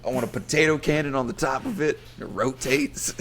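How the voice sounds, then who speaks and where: An American man co-hosting a podcast, chatting casually with a profane, joking, loud manner. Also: mid-range voice, lively intonation, fairly quick, slight background noise. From United States. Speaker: podcast co-host. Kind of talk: casual chat.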